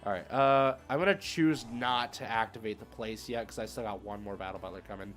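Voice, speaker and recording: A man with a lowish, slightly bright voice talks a little fast while streaming an online card game. Music plays behind him as he reasons aloud, giving loose, talkative commentary sprinkled with slang.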